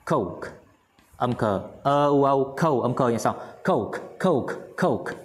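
A man's voice: medium pitch, animated, slow pace. A man teaching English vocabulary in a casual lesson, repeating each word several times and chatting with viewers between words.

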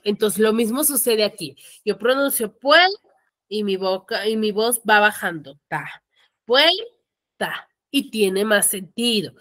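A woman's voice: a little high, fairly bright tone. A woman teaching an online class, explaining step by step and often stopping to check that students follow. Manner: asks students to mute their mics. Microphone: computer microphone on a video call.

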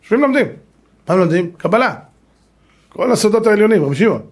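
A man, a rabbi giving a lively sermon and acting out the people in his stories, at times shouting. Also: high voice. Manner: animated, shouts and acts out voices in the stories.

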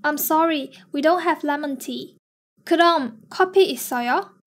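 A woman with a high-pitched voice reads phrases and their translations extremely slowly. Her lesson delivery is evenly spaced.

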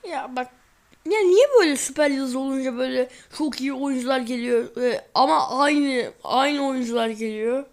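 A woman's voice: sits high, moderate pace. A sleepy woman hosting a football video game channel, chatting casually and rambling while she plays. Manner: chatty, rambling, repeats "neyse" often. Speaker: gaming channel host.

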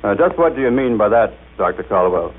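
A man's voice: lowish voice, sing-song, a little fast, breathy edge. An American man presenting a formal scripted demonstration with careful, showmanlike enunciation. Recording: tinny, band-limited 1930s radio recording.

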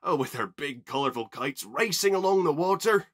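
A man's voice: mid-range voice, wildly swooping pitch, a bit bright, husky, heavily acted. A man voicing a cheerful, curious little male steam engine who talks in a chirpy, wondering way. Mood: delighted. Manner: wondering, chirpy, drawn-out lines.

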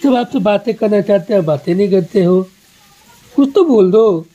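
A man's voice: sits high, lively intonation, moderate pace, dark tone, dull audio. A man in a casual home vlog, chatting to viewers as friends and cooing at a pet. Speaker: vlogger.

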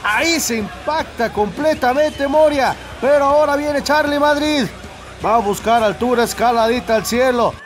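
A man with a Mexican accent giving excitable, exclamatory live play-by-play commentary on wrestling. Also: very high voice, moderate pace, faint music behind.

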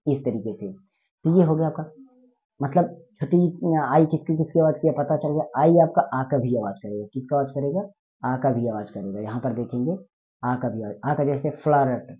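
A man teaches a spoken lesson at a middling pitch, drilling words over and over and firing quick questions at his listeners. The sound is thin and tinny, like it comes through a phone line. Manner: repetitive, quizzing listeners with questions.

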